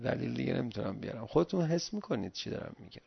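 A middle-aged man giving an animated, pleading religious talk in the style of a sermon, recorded on dull lo-fi audio. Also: medium pitch, gravelly, breathy edge. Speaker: religious lecturer.

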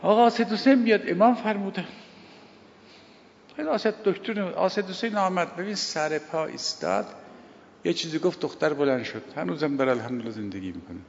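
Gravelly older man preaching in a hall. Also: high-pitched. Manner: emphatic storytelling, repeats key phrases, swings between loud and hushed. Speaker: religious teacher. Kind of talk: sermon explaining a prayer. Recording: dull lo-fi recording with long hall reverb.

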